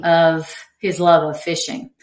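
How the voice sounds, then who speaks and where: Woman, low voice, chatty podcast guest, echoey room. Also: little pitch movement, takes it slowly. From rural Kentucky. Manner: chatty, laughs often, lots of fillers. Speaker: guest, angler's wife. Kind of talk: casual podcast chat. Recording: roomy echo.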